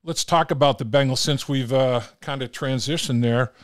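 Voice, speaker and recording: An older man hosting a podcast interview, asking questions casually and chiming in with quick encouraging interjections. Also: mid-range voice, dry recording, clean studio sound. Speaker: podcast host.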